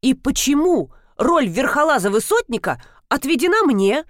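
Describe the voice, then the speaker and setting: A woman's voice: high voice, sing-song, normal speed, no room sound, clean studio sound, voice pushed up. A woman reading an audiobook, voicing an ironic young male detective who jokes a lot. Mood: amused. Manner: ironic, joking.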